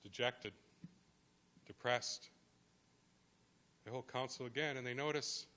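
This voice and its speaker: A man telling a traditional creation story aloud, with dramatic pauses and rhythmic repetition. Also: mid-range voice, pushed and bright. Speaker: guest speaker. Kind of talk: oral storytelling.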